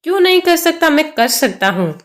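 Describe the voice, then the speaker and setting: A woman's voice: high voice, very animated, moderate pace. A woman voicing an irritated young husband who speaks curtly and defensively. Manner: curt, defensive.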